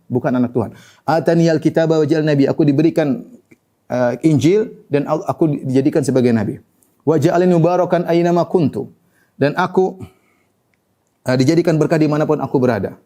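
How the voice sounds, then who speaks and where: Man, preacher, sermon, rapid delivery, warm mellow tone. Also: on the high side. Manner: rhetorical questions, plain colloquial asides. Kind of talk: lecture-style sermon.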